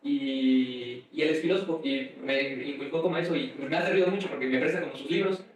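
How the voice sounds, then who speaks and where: A young man from Uruapan, a guest student talking in a relaxed, casual way. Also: on the high side, a little fast, heavy reverb, recorded from a distance, a little hiss or hum, low-quality recording. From Uruapan, Mexico. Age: young adult. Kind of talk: casual conversation.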